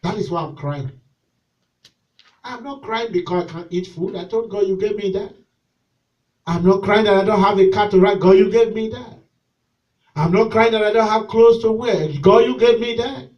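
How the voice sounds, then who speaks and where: A male pastor preaching a sermon with call and response, moving between shouted exhortation and quiet pleading during a church service. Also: high-pitched, moderate pace, pauses often, distant mic, highs cut off.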